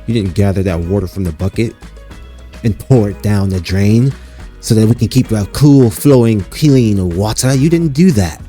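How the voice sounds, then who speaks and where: A man's voice: lowish voice, normal speed, dark tone, faint music behind. A man giving casual, rambling gameplay commentary, talking to his viewers as "you guys" and filling his talk with "you know" and "um". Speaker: gaming channel host.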